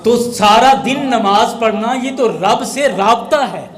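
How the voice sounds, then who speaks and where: A man delivering a sermon as an Islamic scholar, his voice pitched notably high. He drives his message home with rhetorical questions, and the sound carries a noticeable echo.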